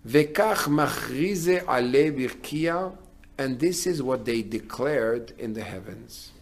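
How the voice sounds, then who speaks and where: A middle-aged male rabbi delivers a sermon in a voice of ordinary pitch for a man. He talks earnestly and builds up to emphatic declarations. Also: expressive, slow pace, vocal fry.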